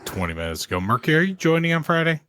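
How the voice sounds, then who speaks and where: A man's voice: fairly high pitch, big pitch swings, fast talker, sharp tone, slight background noise. A man co-hosting a podcast in laid-back casual chat, swearing now and then. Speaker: podcast co-host.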